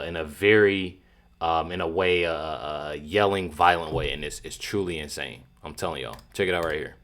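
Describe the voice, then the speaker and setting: A man hosting a reaction channel, talking casually and emphatically with many fillers and repeats. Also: low-pitched. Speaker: commentary channel host.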